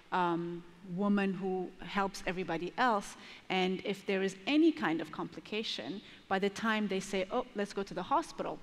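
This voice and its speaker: A woman in her thirties from Ethiopia, answering earnestly on a conference panel through a headset mic, pausing and restarting as she thinks. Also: mid-range voice. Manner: earnest, thoughtful, with pauses and restarts. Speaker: panelist, maternal health advocate. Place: large conference stage with long reverb. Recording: reverberant large hall.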